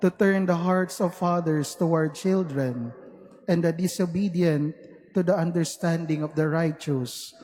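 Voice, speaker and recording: A man, a priest giving a solemn, measured Gospel reading with cathedral echo. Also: a little high, mellow. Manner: measured, deliberate phrasing. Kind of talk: solemn liturgical scripture reading. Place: large cathedral, microphone through sound system. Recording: cathedral echo, long reverb.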